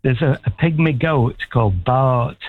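A man's voice: medium pitch, unhurried, dry recording. A man of sixty calling in to a radio show, talking in a rambling, hesitant, friendly way. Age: 60s. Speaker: caller. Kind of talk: casual phone-in chat. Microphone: telephone. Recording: tinny phone line.

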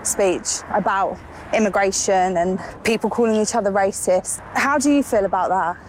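A woman interviewer asking calm, probing questions in the field. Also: mid-range voice, moderate pace, slight background noise.

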